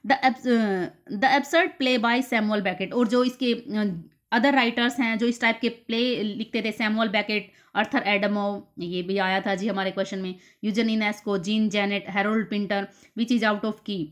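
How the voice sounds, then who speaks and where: A woman teacher explaining literature terms for an exam, slowly repeating key terms. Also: medium pitch, steady tone. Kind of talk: exam-prep lecture.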